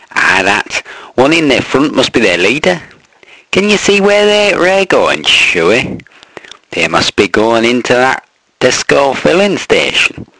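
A man voicing an excited Scottish man in a comic script, with a put-on Scottish accent. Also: medium pitch, no echo, voice pushed up, full character voice, poor audio. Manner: excited, exclaiming. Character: Scottish man watching petrol pumps attack.

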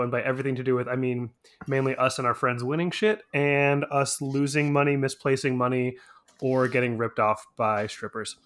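Male podcast host, mid-pitched, upbeat and jokey, casual banter. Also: a bit bright. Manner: upbeat, joking. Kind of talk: casual chat.

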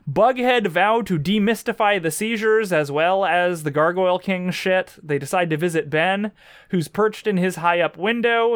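A man's voice: high voice, fairly bright tone, clean tone, no room sound, clean studio sound. A man co-hosting a casual podcast, recapping an episode in a sardonic, profane way with lots of fillers.

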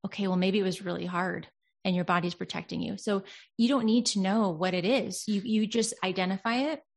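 An earnest woman in a relaxed podcast-style chat, talking through emotional healing with a reflective, searching tone. She often slows down to stress a point and acts out little quoted voices as she goes. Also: mid-range voice, vocal fry. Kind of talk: casual self-help chat.

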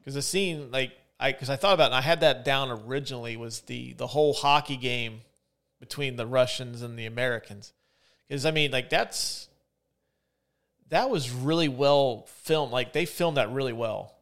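Gravelly man hosting a casual podcast. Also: medium pitch, normal speed, fairly bright tone. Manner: loose, profane, slips into mock voices. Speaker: podcast host. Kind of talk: casual chat.

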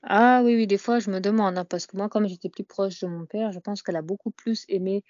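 A woman's voice: medium pitch, fairly even intonation, fairly quick, darkish tone, no room sound, muffled recording. A young woman as an interview guest, talking casually and hesitantly, with many fillers and "you know" tags. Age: young adult.

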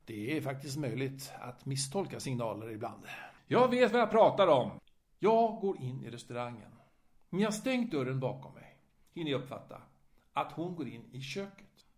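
A man narrating a story in a dramatic, lively way. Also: medium pitch. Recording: roomy echo.

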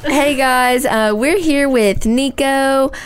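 A woman's voice: high voice, slow, over music. Upbeat young woman co-hosting a podcast. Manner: upbeat, chatty. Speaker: podcast co-host. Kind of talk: casual podcast chat.

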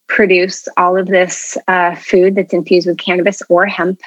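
A woman's voice: fairly low pitch, flat delivery, moderate pace, no echo, dull audio. A woman telling her story as an interview guest, earnest and chatty, with plenty of ums and you-knows. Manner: earnest, chatty, many fillers. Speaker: interview guest, food media founder.

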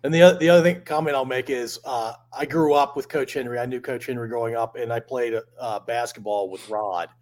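A man's voice: medium pitch, brisk, few pauses. A man hosting a casual chat, friendly and enthusiastic. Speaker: host asking questions.

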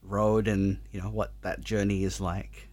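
A man's voice: lowish voice, level tone, measured pace, a little mellow. A man with an Australian accent putting questions in a casual, conversational interview.

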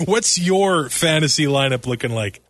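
A man co-hosting a sports podcast, excitable and laughing often, nearly losing his voice. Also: fairly high pitch, unhurried, dry recording, studio quality. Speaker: podcast co-host. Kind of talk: casual sports chat.

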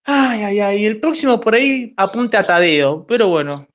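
Argentine male streamer, high pitch, sneering repetitive heckler who won't let others speak. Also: moderate pace, a bit bright. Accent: Rioplatense Spanish. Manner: mocking, repetitive, talks over others. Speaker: streamer in a voice-chat space. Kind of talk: heated taunting banter.

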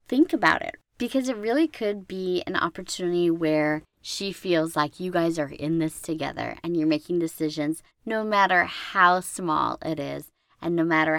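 American woman podcaster, slightly low voice. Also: fairly bright tone, dry recording, studio quality. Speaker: podcast co-host, mental health provider. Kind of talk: conversational relationship advice, scripted disclaimer at end.

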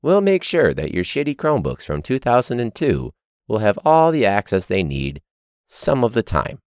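Droning robot school official, a guy putting it on, flat and stiff. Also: fairly low pitch, normal speed, dry recording, pitched above the performer's own voice. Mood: mocking. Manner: flat, stiff, mock-formal. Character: monotone robotic male school official reading a script.

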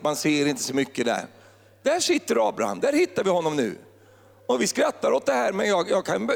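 Gravelly, lively male preacher in a hall. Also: high-pitched. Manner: playful, joking preacher with wordplay. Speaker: pastor. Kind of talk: sermon.

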